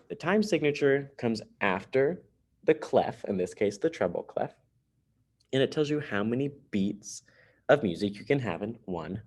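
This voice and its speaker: Lower-voiced man teaching kids music. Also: darkish tone. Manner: playful, explains step by step to children. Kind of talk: recorded online music lesson for kids.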